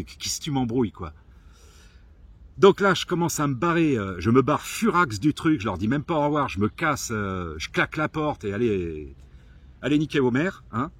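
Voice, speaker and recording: A man telling a story to camera in a casual vlog, lively and swearing, acting out the people he quotes. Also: medium pitch, husky. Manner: animated, swearing, acts out quoted exchanges. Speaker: vlogger.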